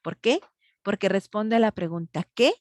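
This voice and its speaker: A woman's voice: mid-range voice, animated, moderate pace, dry recording, studio quality. A woman teacher, patiently walking students through a grammar lesson over a video call. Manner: patient, explains step by step, asks students for answers. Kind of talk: online grammar class.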